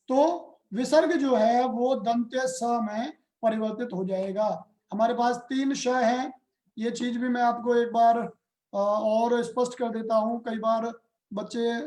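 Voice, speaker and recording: A man's voice: very high voice, a little mellow. A man teaching a grammar lesson, explaining step by step and putting questions to his students. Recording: roomy echoey room.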